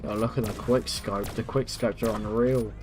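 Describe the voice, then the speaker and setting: A man's voice: fairly low pitch, fairly even intonation, moderate pace. A young man chatting casually and rambling, with some swearing, as he streams a game on a microphone at his PC. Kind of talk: casual livestream gaming chat. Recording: music behind the voice. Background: music.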